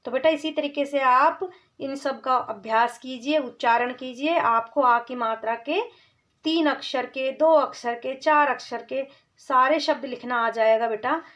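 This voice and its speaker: A woman teaching a children's reading lesson, calling the children "beta" and drawing out each word slowly before she repeats it. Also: high voice, fairly bright tone.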